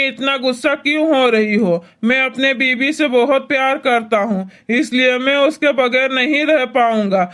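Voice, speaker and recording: An earnest young husband from a cartoon, played by a voice actor who tries to calm his mother down. The voice sits high and sounds smooth and clear. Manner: earnest, soothing. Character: young husband, devoted and placating. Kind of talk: cartoon voice acting.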